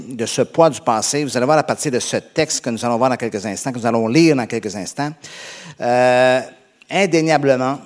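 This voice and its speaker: Speaking at a medium pitch, this male pastor from Canada delivers his sermon with a Québécois French accent. The preaching feels conversational yet halting, full of fillers and frequent restarts.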